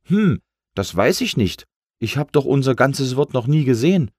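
A man's voice: mid-range voice, big pitch swings, moderate pace, darkish tone, no room sound, clean studio sound, voice pushed up. A man voicing a small talking letter C, chatty and indignant, in a storybook.

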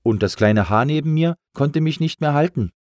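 A man's voice: a little high, animated, moderate pace, darkish tone, no room sound, studio quality, voice pushed up, lightly acted. A man voicing a small talking letter C, chatty and indignant, in a storybook.

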